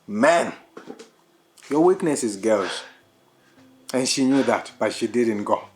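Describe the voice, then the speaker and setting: A man's voice: medium pitch, animated, takes it slowly, faint music behind. A man with a Zimbabwean accent acting an anguished, self-accusing man going through divorce in a television drama. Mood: bitter reproach. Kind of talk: television drama acting, switching between Shona and English.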